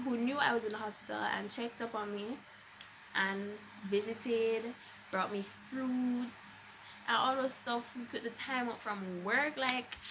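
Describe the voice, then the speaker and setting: This young adult vlogger has a Jamaican accent and a slightly high voice, recounting a personal story with casual, expressive, emphatic chatter. Background noise is audible.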